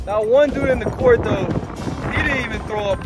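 A man hosting a street challenge outdoors, giving excited commentary full of exclamations and swearing. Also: very high-pitched, brisk. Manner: animated exclamations, profanity, frequent laughing. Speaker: challenge host filming strangers. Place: outdoors in public parks. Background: music.

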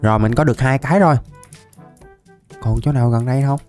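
A young man, chatting casually as he plays a game, laughing often and repeating words in quick bursts. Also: medium pitch, darkish tone, soft background music. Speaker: gaming YouTuber. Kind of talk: casual Minecraft let's-play commentary.

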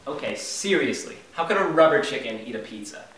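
A man's voice: medium pitch, sing-song, fairly quick, fairly bright tone. Man playing an exasperated sitcom straight man, very echoey. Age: young adult. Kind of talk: sitcom delivery in a parody. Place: living room of a house. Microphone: camera mic across the room. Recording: very echoey house, distant mic, faint noise.

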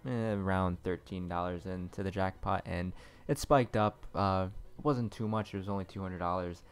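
A man's voice: sits low, normal speed, clear, resonant tone. A man talking casually to viewers as a gaming video creator. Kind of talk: casual video intro talk.

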